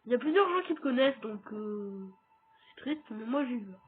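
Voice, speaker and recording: A French-accented gaming YouTuber with a very high, husky voice and lively intonation chats casually with his viewers while playing. He speaks at a moderate pace, and the audio sounds tinny, like a phone.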